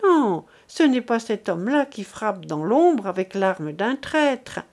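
A woman's voice: mid-range voice, very animated, takes it slowly, a little mellow. A woman reading as a desperate pleading mother. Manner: impassioned, imploring.

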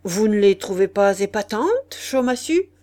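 A woman reading aloud and voicing a boastful, smooth-talking aristocratic marquis with emphatic bluster. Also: sits high, sing-song, measured pace, a little mellow.

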